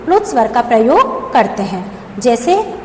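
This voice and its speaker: A woman's voice: a little high, big pitch swings, measured pace, dark tone. A woman school teacher giving a grammar lesson, explaining step by step and asking and answering her own questions. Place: classroom or school room. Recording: echoey room with long reverb, faint background hum.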